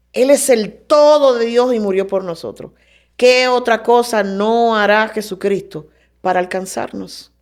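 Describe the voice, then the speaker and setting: A woman's voice: mid-range voice, vocal fry. Fervent woman sharing a faith testimony. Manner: animated storytelling, acting out quoted voices; preacherly and fervent. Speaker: guest.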